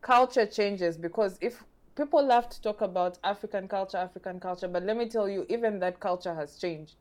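A young woman hosting a casual podcast conversation, chatty and quick to laugh as she prompts her guest with questions. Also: mid-range voice, darkish tone, slight background noise. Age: young adult. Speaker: podcast host.

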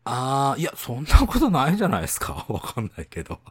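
A man from northeastern Japan chats on a podcast with a very lively, swooping pitch, laughing often and protesting in quick bursts of repeated denials. His voice is recorded dry and close, with no room sound. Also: husky, no echo. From Tohoku, Japan. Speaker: podcast co-host. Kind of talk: bilingual casual chat.

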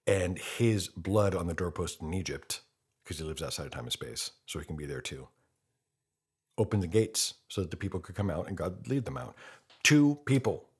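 A man's voice: low-pitched, animated, normal speed, breathy edge. A man in his fifties, a podcast host delivering an impassioned, blunt monologue with rhetorical questions. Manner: earnest and blunt, with rhetorical questions and mocking quoted voices.

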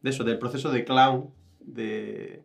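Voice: mid-range voice, fairly even intonation, measured pace, gravelly. A guest in a casual interview chat, talking animatedly and acting out quoted voices. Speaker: guest, actor and teacher.

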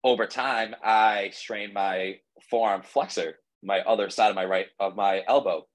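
A man's voice: lowish voice, fairly even intonation, a little slow, rough recording. A man in his twenties, a podcast guest telling his story in a casual, rambling way, full of "like" and restarts. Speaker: podcast guest, baseball pitcher.

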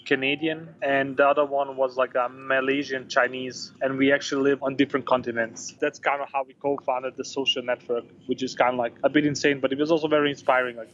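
A man's voice: mid-range voice, level tone, a little fast, hardly any pauses, fairly bright tone, slight background noise. Man, dull lo-fi recording. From Bosnia-born, grew up in Denmark. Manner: informal, hesitant phrasing peppered with "like". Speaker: interview guest, tech company founder. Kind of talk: casual interview answers.

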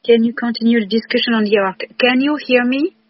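A woman talks as a guest over a patchy, breaking-up video call. Her speech is hesitant and broken by filler pauses. The internet audio sounds dull and lo-fi, dry and close with no room sound. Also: on the high side, no room sound. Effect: breaking-up video call connection. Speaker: guest on a live stream.

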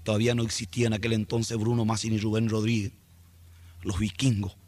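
A man playing a press conference moderator in a comic sketch, fussily pleading for calm and order. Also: fairly low pitch, brisk, dry recording.

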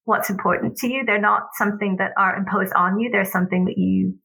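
Bright-voiced mother telling family stories. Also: mid-range voice, fairly even intonation, vocal fry, a little hiss or hum, rough recording. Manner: acts out family exchanges in quick changes of voice; laughs often while telling stories. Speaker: podcast guest. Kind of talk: casual conversation.

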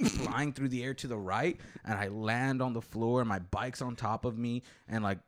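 A man's voice: mid-range voice, normal speed, dry recording. A man hosting a podcast, telling a story in loose, profane chat and calling his guest "dude" a lot. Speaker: podcast host. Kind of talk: casual chat.

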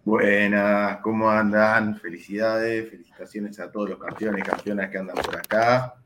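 A man with an Argentine accent, guest on a call, calm and measured, with a hoarse voice. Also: lowish voice, slight background noise. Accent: Argentine Spanish.

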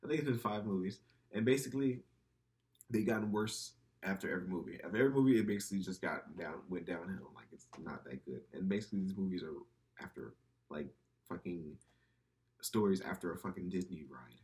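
Husky, rambling man chatting about movies. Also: deep voice, lively intonation, a little fast, a little mellow. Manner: rambling, filler-heavy, swears freely. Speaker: podcast co-host. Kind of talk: casual movie chat.

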